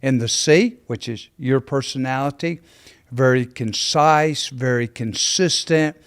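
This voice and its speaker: A man's voice: mid-range voice, smooth. A man co-hosting a ministry podcast, running through familiar explanations with practiced ease. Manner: practiced, listing traits in quick runs. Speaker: podcast co-host. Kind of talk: casual ministry podcast discussion.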